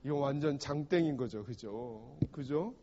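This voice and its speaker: A man's voice: mid-range voice, a little slow, dark tone. A male pastor preaching a sermon, retelling a parable and often asking the congregation rhetorical questions. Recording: dull recording in a reverberant church hall.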